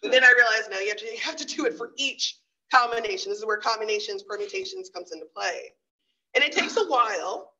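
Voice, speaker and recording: Bright-voiced woman giving a lively lecture. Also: on the high side, far from the mic, muffled recording. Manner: lively, conversational, sarcastic asides. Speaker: guest speaker. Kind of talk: conference lecture.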